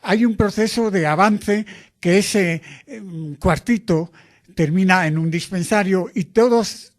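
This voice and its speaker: A man's voice: high-pitched, slow pace. Older man, earnest missionary priest.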